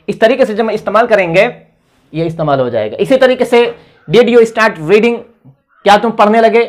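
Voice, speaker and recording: Speaking in a high voice, an Indian man delivers a grammar lesson on English. Each example sentence is read out slowly and translated, followed by supportive advice.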